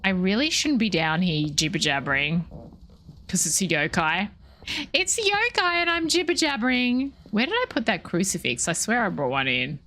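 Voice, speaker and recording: Aussie girl streaming a game, rambly and chatty, keeps cutting herself off, mid-pitched voice. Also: sing-song, normal speed, sharp tone, slight background noise. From Australia. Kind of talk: casual chat while gaming live.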